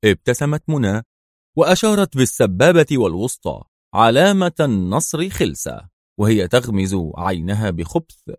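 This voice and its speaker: A man narrating a spy novel in an expressive storytelling manner. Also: fairly low pitch, dry recording, clean studio sound.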